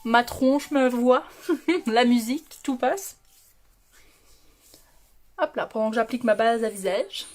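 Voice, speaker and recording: Bubbly girl doing a makeup live at home, highish voice, little music in the back. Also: animated, slow pace, pauses often. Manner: giggly, bubbly, talks to chat by name. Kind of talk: chatty livestream talk to viewers.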